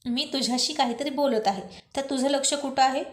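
A woman reading a teasing young boss, high and light. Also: lightly acted. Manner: playful, coaxing lines read slowly. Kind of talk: storybook reading.

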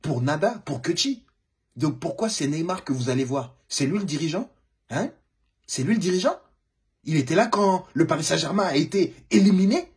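Indignant man with a very husky voice. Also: expressive, moderate pace. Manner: indignant, exaggerated, rhetorical questions; swings between shouting and low muttering. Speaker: comedian commentator. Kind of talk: comic football rant to camera.

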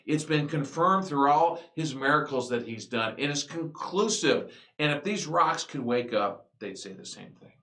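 A man preaching a sermon as pastor, animated and building to emphatic declarations. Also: medium pitch. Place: church. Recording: echoey church hall.

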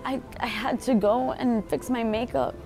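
A woman's voice: on the high side, fairly even intonation, moderate pace, darkish tone, soft background music, natural voice. A woman acting as an entitled mother who complains to restaurant staff about everything. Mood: defensive. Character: rude, demanding mother who complains constantly. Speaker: actor in a web skit. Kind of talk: scripted skit acting.

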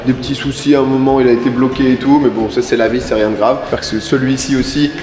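A man's voice: medium pitch, flat delivery, fast talker, a crowd in the background. A young man chats casually in slangy, joking French-style vlog talk, his voice ringing with hallway echo. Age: young adult. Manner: informal, slangy, jokey. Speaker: vlogger, dance contestant. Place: large indoor dance studio. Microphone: camera microphone, no body mic. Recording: very echoey room, music behind.

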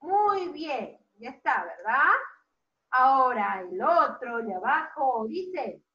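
Kindergarten teacher, very high bright voice, slow and coaxing, echoey dull recording. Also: female voice. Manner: animated, coaxing, exaggerated intonation. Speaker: preschool teacher. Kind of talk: storytelling lesson for young children.

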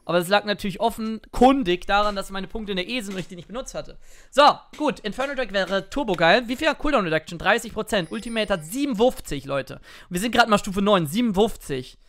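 Bright high-voiced gamer commentating. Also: male voice, fast. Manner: excitable, playful, jumps to shouts. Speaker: gaming streamer. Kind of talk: let's play commentary. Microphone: headset or desk mic.

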